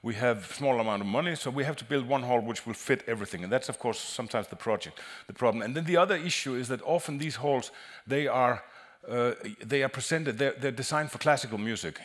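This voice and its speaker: The speaker is a man at a conference, an acoustic designer standing on stage in a large hall. Halting and prone to repeating words as he explains, he has a medium pitch and a fairly bright tone.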